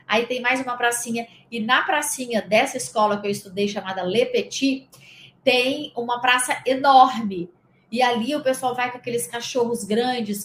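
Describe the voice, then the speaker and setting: With a fairly high pitch, a Brazilian Portuguese-accented woman from the interior of Espírito Santo gives a relaxed guided lesson as a spiritual coach, rambling conversationally and addressing the listener directly. The sound is roomy, with faint background noise.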